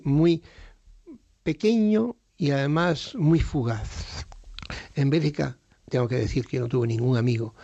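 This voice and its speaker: Older man with a gravelly voice. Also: medium pitch, dark tone, no room sound, muffled recording. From Spain. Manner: storytelling, frank and salty, with restarts. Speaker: radio guest. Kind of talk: radio interview.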